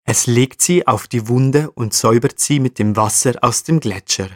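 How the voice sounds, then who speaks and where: A man narrating a children's story in a calm, evenly read way. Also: mid-range voice, moderate pace, no echo, studio quality.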